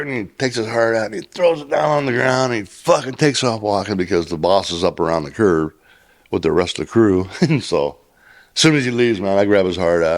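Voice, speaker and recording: A former railroad track worker telling a story casually, swearing often, laughing and restarting his sentences. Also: deep voice. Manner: profane, laughing, rambling with restarts.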